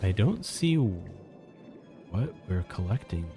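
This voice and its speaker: A game streamer with a low voice gives casual live reaction commentary over his gameplay, very animated yet very slow. He mutters to himself and repeats short phrases as game music plays behind him.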